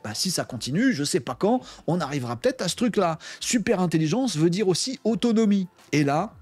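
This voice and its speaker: A man hosting a casual tech news show, talking in an animated, emphatic way with lots of slang and asides. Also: high voice, fairly quick, slightly rough, no echo. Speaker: host of a tech news channel.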